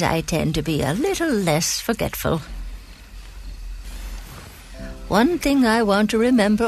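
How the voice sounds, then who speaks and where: A woman playing a kindly, folksy, devout elderly granny in a gentle, unhurried bedtime sleep story. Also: sits low. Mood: gentle, calm. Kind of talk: scripted sleep story narration in character.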